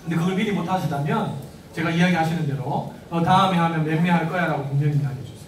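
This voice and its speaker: A man's voice: on the high side, fast, a little hiss or hum. A man, a pastor, giving a sermon to parents, acting out parent and child voices and putting questions to the congregation. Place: church hall. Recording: echoey church hall, mic at a distance.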